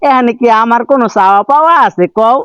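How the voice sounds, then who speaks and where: Playing a doting old grandfather in a village comedy, an older actor fusses and scolds in a very high, smooth voice, talking fast. The dull lo-fi recording has faint music and no room sound.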